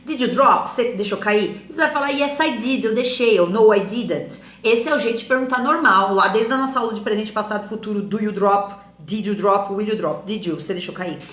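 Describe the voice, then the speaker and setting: A Brazilian woman with a Brazilian Portuguese accent, an English teacher giving an animated, emphatic lesson and slowing down to model English phrases. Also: mid-range voice, reverberant. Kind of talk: lively classroom explanation.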